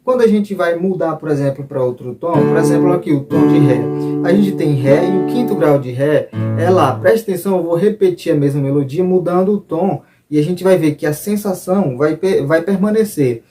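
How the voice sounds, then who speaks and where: A man's voice: on the high side, normal speed. A man teaching guitar step by step in an online lesson, now and then singing short examples. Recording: soft guitar behind the voice.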